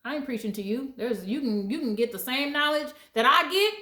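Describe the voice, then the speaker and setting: A woman's voice: high-pitched, lively intonation, brisk, pushed and bright, roomy sound. A woman giving blunt life advice in a casual, emphatic and preachy monologue, laughing often.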